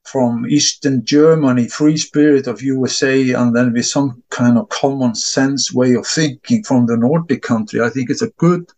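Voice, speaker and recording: This middle-aged Icelandic man, a discus coach, has a mid-range, darkish voice with fairly even intonation, speaking at a moderate pace with few pauses. At home, he earnestly answers interview questions in non-native English, often repeating words as he gathers his thoughts.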